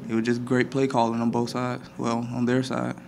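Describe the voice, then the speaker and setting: Flat-voiced young man at a presser. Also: medium pitch, gravelly, slight background noise. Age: young adult. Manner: flat, measured, many "I mean" fillers. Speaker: college football player. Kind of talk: postgame press conference answers. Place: press conference room. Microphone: table microphone.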